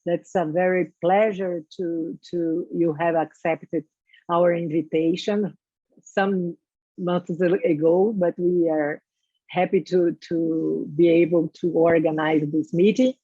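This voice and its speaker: A woman with a Brazilian Portuguese accent, a Portuguese native speaker, formally welcoming and introducing a guest speaker, halting with many repeated words and restarts. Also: on the low side, fairly even intonation, dark tone, no echo. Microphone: video call. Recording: dull lo-fi video call audio.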